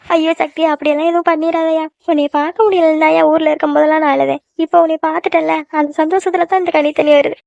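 A woman's voice: high voice, fairly even intonation, fast, creaky, a little mellow, no echo, dull audio. A woman voicing an emotional middle-aged village mother in a cartoon, scolding her daughter and doting on her son. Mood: tearful. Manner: scolding, then tearful and doting. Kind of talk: cartoon voice acting.

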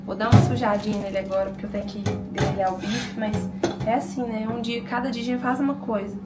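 A woman's voice: medium pitch, steady tone, fast, recorded from a distance. A woman, a mother chatting casually to her viewers at home as she vlogs. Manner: chatty, addresses viewers often. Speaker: vlogger mother. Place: family home, kitchen and bathroom. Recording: echoey home room with background noise.

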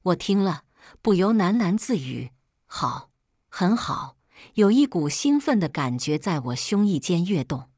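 A woman reading a first-person story as narrator, in a measured, even storytelling manner. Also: lowish voice, dry recording, studio quality.

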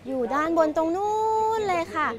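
A woman's voice: extremely high pitch, moderate pace. A woman in her thirties, a travel vlogger talking chattily to viewers while feeling seasick, filmed on a camera held at arm's length outdoors. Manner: chatty, animated, addresses viewers directly. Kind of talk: casual travel vlog to camera. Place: outdoors on a boat and on a busy pier. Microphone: action camera held at arm's length. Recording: loud crowd and music behind.

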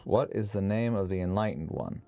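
A man's voice: on the low side, expressive, brisk, gravelly, dark tone, slight background noise. A man co-playing a game, thinking aloud and puzzling over clues in casual commentary. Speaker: co-player.

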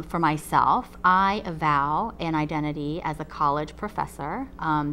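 A college professor, a woman whose first language is Chinese, gives a recorded webinar talk in a low, slightly bright voice. She explains things in a measured way with frequent ums. She sits in a TV studio with a painted backdrop, a faint hum beneath her voice.

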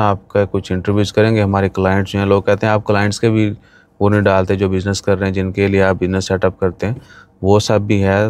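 A vlogger with a fairly low, darkish, clear and resonant voice chats casually to the camera from a parked car, gesturing with his hand. He's recorded on a phone mounted on the dashboard.

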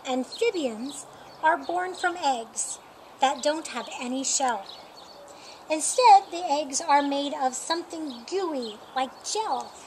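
A storytime reader, a middle-aged woman with a high-pitched voice, reads a children's picture book in a deliberate and expressive way. The recording was made outdoors in a sunny yard by a painted wall, with birdsong and outdoor noise around her.

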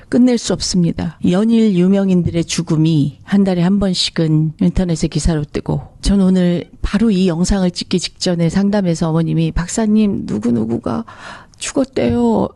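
A woman's voice: on the low side, mellow, no echo. A middle-aged woman counselor speaking earnestly to camera, asking rhetorical questions and acting out what parents say. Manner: impassioned, rhetorical questions, acts out quoted parents. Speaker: psychological counselor.

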